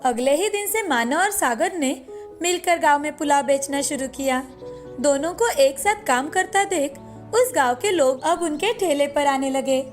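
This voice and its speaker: A woman narrates a moral cartoon tale in a steady, scripted storytelling manner at a moderate pace. Her voice sits high, with faint music playing beneath her.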